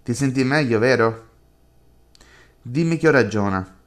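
A possessive, unseen presence in a chat horror game that coaxes and commands, as a man reads it slowly and unhurriedly. The voice stays level and close to ordinary talk. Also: medium pitch, lively intonation, close to an everyday voice. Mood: coaxing, commanding.

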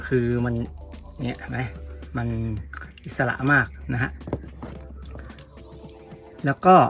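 A man hosting a casual toy review vlog, talking in a relaxed, chatty way. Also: medium pitch. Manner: relaxed, chatty, polite particles.

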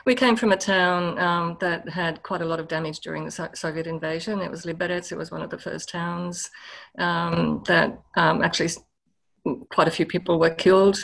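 A woman in her sixties, from Czechoslovakia, with an Australian accent, recounting family history softly as a translator on a video call. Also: on the low side, steady tone, moderate pace, creaky, poor audio. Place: home room indoors. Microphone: webcam on video call.

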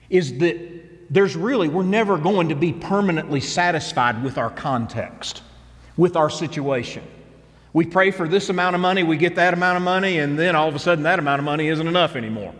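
The pastor, a man in his fifties, preaches from a church stage with earnest, conversational delivery and recurring phrases. He sounds animated and a bit bright, with fairly high pitch and a fairly quick pace, and a long reverb tail follows.

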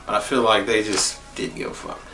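A young man giving a casual spoiler movie review, profane and blunt, repeating phrases for emphasis and jumping into high exclaims. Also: fairly quick, vocal fry, far from the mic. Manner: animated, jumps into high exclaims. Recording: roomy echo, a bit off-mic, faint music behind.

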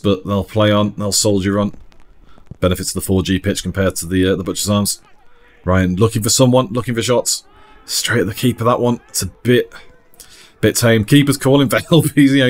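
A man giving relaxed, chatty commentary over an amateur football match, often laughing. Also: on the low side.

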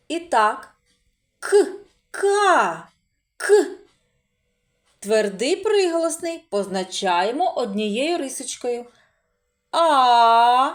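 A woman teaching a remote literacy lesson to young children, sounding out syllables slowly and praising them as they go. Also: high-pitched. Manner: slow, drawn-out sounding out of syllables; praising and encouraging. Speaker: preschool teacher.

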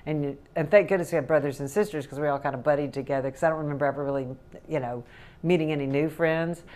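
Speaking fast in a low, darkish voice, this woman in her sixties recalls her childhood for an interviewer indoors at her home kitchen table. She has a faint Southern accent, and her casual recollection is rambling and chatty, broken up by frequent laughter.

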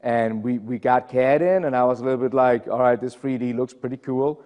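A middle-aged Danish man with a Danish accent presents a technical session in a conference room, keeping it casual and chatty with plenty of fillers and self-deprecating asides. His mid-range voice moves briskly with fairly even intonation, and the lo-fi recording captures the feel of a large hall.

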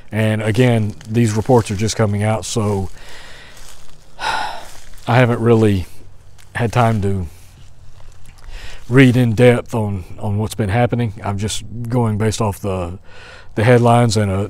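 A man in his forties walking outdoors through woods, thinking out loud in a hesitant commentary with many restarts, recorded on a phone held at arm's length. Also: on the low side. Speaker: vlogger. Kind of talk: walk-and-talk commentary.

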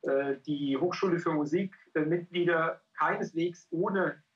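A middle-aged man presenting a research project over a video call, halting and full of filler sounds. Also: fairly high pitch. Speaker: cultural scientist and pianist presenting a research project. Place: indoor room. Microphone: headset on a video call. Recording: dull lo-fi call audio.

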